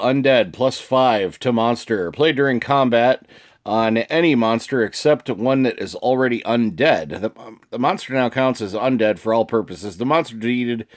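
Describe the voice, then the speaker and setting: A man hosting his own channel, casually reading card text aloud with short asides and chuckles. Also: medium pitch. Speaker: channel host reviewing card game cards.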